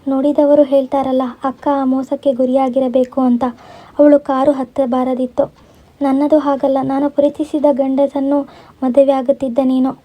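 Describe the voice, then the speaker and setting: A woman's voice: high voice, flat delivery, moderate pace, natural voice. A woman reading the part of a sorrowful, pleading young woman who is a grieving sister-in-law, in a dull lo-fi recording.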